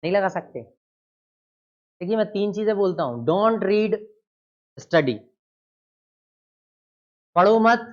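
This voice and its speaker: A male teacher leads an exam-prep grammar lesson, posing questions, answering them himself, and loudly stressing key words. His voice is high with lively intonation, slow and full of pauses, and the audio sounds dull.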